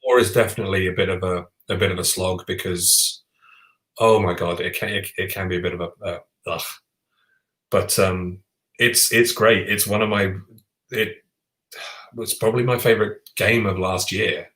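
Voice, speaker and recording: A man with a fairly low voice chats eagerly as a podcast co-host, often restarting his sentences. His voice bounces around a roomy, echoey space. The talk is loose and conversational. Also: fairly even intonation, normal speed, fairly bright tone. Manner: chatty and enthusiastic, with frequent restarts. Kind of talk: casual chat about board games. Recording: roomy echo.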